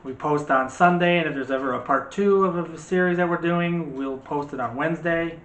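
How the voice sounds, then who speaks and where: Fairly high-pitched and a little fast, this man's fairly bright voice has its highs cut off. He hosts a movie channel, bantering in a playful, teasing way during a casual discussion. Faint background noise accompanies the echo of the indoor room.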